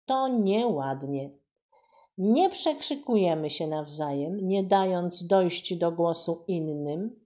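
A woman reading a story aloud to children in a gentle, teacherly manner. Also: lowish voice, lively intonation, slow.

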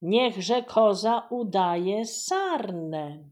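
A woman's voice: mid-range voice, expressive, drawn-out words, a little mellow. A woman voicing a grumbling, easily flustered old master cook in a storybook reading, with groaning exclamations. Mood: exasperated.

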